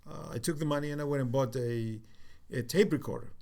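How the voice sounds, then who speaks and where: A man in his sixties with a faint Cypriot accent, speaking at a middle pitch. He reminisces slowly and thoughtfully, pausing with frequent ums and uhs as he gathers his memories in a relaxed family conversation. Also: gravelly. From Cyprus. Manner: reflective, halting with many fillers. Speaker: interviewee, father. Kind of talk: casual family interview.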